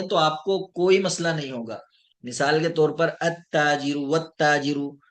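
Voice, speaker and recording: A man teaching an online lesson, slowly drawing out each example word and checking in with his students. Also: a little high, fairly bright tone. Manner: slow, deliberate, drawing out example words; checks in with students, addressed as sir. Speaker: Arabic teacher.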